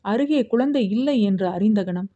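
A woman's voice: on the high side, lively intonation, moderate pace, dark tone, muffled recording. A woman narrating a novel as an audiobook, telling the story expressively.

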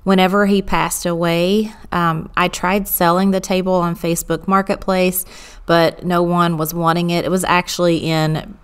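A woman's voice: fairly low pitch, flat delivery, normal speed, smooth. A woman, chatting through a clean-with-me voice-over and telling stories from her childhood. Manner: chatty, storytelling, amused. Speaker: vlogger.

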